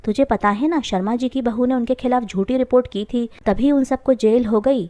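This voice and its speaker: A woman voicing a stern, sharp-tongued elderly mother-in-law who scolds bluntly in a family story. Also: fairly high pitch, moderate pace, no room sound, close to an everyday voice. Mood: plaintive.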